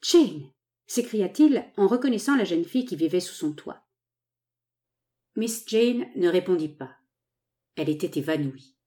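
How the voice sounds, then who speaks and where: A woman narrating a novel aloud with a measured, dramatic reading. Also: on the low side, expressive, dark tone. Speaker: audiobook narrator.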